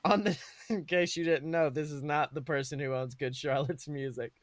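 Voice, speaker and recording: With studio-quality sound and no echo, a man co-hosting a podcast performs a comic dramatic reading of fan fiction. His voice is on the high side, steady in tone, at normal speed, and he reads in a theatrical, mock-earnest manner.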